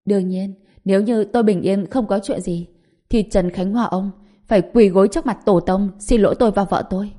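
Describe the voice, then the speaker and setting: A woman's voice: mid-range voice, a little fast, dark tone, lightly acted. Woman reading as a cold young heir. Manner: cold, threatening, curt.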